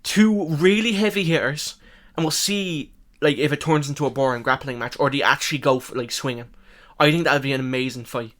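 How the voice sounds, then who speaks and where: A young man with a slight lisp, giving rambling, animated fight reaction commentary with casual swearing. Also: mid-range voice, fairly quick. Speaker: MMA reaction youtuber.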